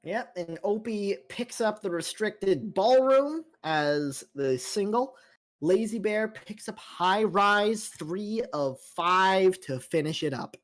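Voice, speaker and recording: Unhurried woman calling an esports match. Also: medium pitch. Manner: steady play-by-play, calls the draft and action. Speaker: host caster. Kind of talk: esports play-by-play.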